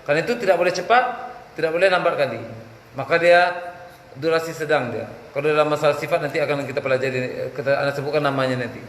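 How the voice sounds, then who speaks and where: A man with a Minangkabau-tinged Indonesian accent teaching Quran recitation rules, asking and answering his own questions and slowly chanting verse examples. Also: a little high, a bit bright. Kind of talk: tajwid lesson with chanted examples. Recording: echoey room with faint background noise.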